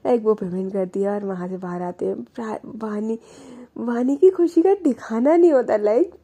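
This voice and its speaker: A woman's voice: on the high side, normal speed, mellow. A woman narrating a romance story in a chatty, casual way, dropping in English words and lots of "like". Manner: chatty, mixes English words, many fillers like "like".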